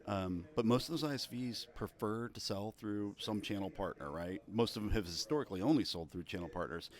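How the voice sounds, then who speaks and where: Low voiced guy at a conference, calm and measured, lots of biz jargon. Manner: measured, explains in business jargon. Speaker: interview guest, product marketing director. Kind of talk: explanatory interview answers. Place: busy conference hall.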